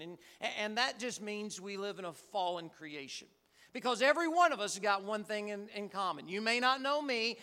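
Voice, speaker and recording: A man preaching a Sunday sermon in church, animated, restarting and repeating words and putting questions to the congregation. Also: sits high. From United States. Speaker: pastor. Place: church sanctuary. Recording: long hall reverb.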